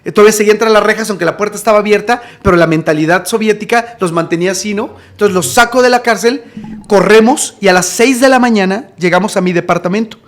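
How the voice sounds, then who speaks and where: A man from Mexico with a Mexican accent, an evangelist guest telling stories in lively conversation and acting out the people in them. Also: high voice, fast talker. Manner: animated, acts out the people in his stories. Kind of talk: conversational storytelling.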